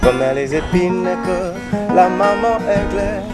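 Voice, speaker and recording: A man, a gospel singer, singing a slow worship song and talking about his album as an interview guest. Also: high-pitched. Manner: slow, soaring sung phrases. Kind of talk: sung worship song and talk. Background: loud music.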